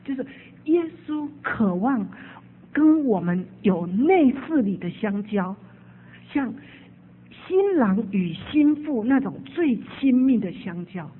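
Woman preacher, storytelling sermon, emotive, slightly high, husky voice, tinny line. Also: big pitch swings, slow. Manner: emotive, with frequent "hao" fillers. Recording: tinny phone-like sound.

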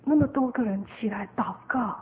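A woman tells her testimony in an earnest, animated preaching style, her voice sitting a little high. The sound is narrow and phone-like. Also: normal speed. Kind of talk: sermon testimony.

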